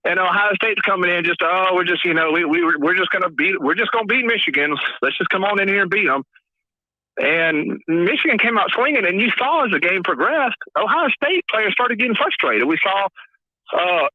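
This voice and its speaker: A high-pitched male caller from Mississippi phones a sports talk show, and the line sounds tinny with no echo. His commentary wanders, full of fillers and false starts.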